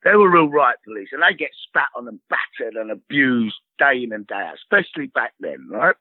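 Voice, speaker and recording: A man's voice: mid-range voice, big pitch swings, a little fast, no echo. A middle-aged man, a guest actor telling stories in a slangy, swearing way and laughing at his own tales. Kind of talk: animated storytelling. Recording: slightly dull lo-fi sound.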